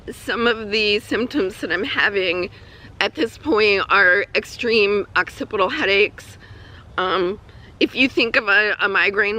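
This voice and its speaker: A woman with a weak, strained voice and a troubled throat, giving a halting, casual personal update to camera while outdoors. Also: mid-range voice, pushed and bright, a little hiss or hum, poor audio. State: throat spasms with coughing and throat clearing. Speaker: vlogger. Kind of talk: personal health update vlog, casual talk. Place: outdoors on a hike.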